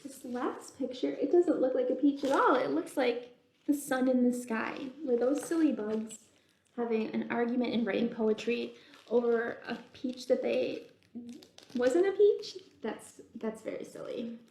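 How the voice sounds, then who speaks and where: Reading aloud and teaching signs at a children's storytime, this librarian explains simply and puts questions to her young audience. She speaks at a measured pace in a slightly high, creaky voice with a darkish tone, captured in a roomy, echoey indoor space.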